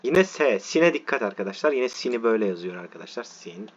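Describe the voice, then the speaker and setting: A male teacher giving an online lesson, walking through letter forms slowly and often checking that his listeners are following. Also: mid-range voice, sing-song. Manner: repetitive, checks in with "tamam mı arkadaşlar". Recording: dull lo-fi audio.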